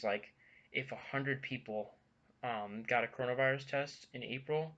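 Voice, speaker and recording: A young man talks through the news in a casual vlog, earnest and halting, with frequent ums and restarts. His voice is bright and forward at a middling pitch. The recording is dull and lo-fi. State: a bit out of breath. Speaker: vlogger.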